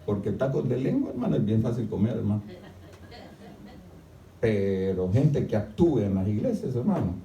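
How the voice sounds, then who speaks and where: A man's voice: big pitch swings, moderate pace, long pauses. Male pastor, sermon, echoey church room, voice from far off the mic. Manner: preaching with frequent "hermano", swings to loud high-pitched shouting.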